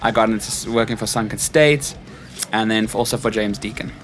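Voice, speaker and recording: Speaking with a South African accent, this man in his twenties is an interview guest and stage crew technician telling casual personal stories. His voice sits lowish and he talks fairly quickly while a crowd murmurs in the background.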